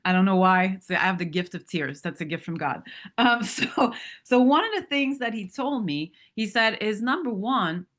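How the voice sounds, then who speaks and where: A woman's voice: mid-range voice, animated, moderate pace, fairly bright tone. A woman in her thirties or forties giving a motivational talk to a sales team on stage, candid and storytelling, often asking the audience questions. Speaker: motivational speaker at a sales training.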